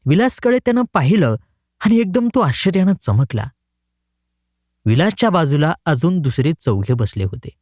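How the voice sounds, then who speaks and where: A man narrating a short story in an expressive storytelling manner. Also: a little high, moderate pace, dry recording, clean studio sound.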